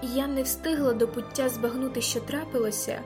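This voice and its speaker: A woman narrating a first-person novel in an audiobook with vivid, expressive storytelling. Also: high-pitched, normal speed, over music.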